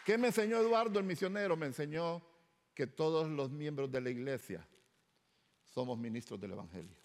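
A male pastor in middle age speaks, his voice sitting slightly high. He tells his personal testimony in story form and acts out each person who speaks in it. His words ring out with a long reverb through a big hall. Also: fairly quick, some chatter behind. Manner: storytelling, animated, acts out quoted dialogue. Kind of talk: sermon testimony.

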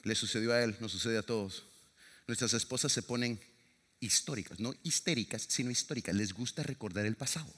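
Middle-aged preacher, bright and forceful, dramatic storytelling, reverberant church hall. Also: male voice, medium pitch, a little fast, husky. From Latin America. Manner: lively, dramatic storyteller with sound effects and jokes. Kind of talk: sermon with storytelling. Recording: long reverb of a large hall.

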